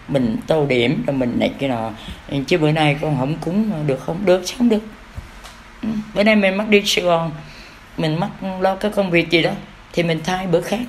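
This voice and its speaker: Folksy Southern Vietnamese woman preaching, low voice. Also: a little mellow, a little hiss or hum. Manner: folksy, asks rhetorical questions and acts out little everyday dialogues. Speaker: Buddhist lay preacher. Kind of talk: impromptu dharma talk.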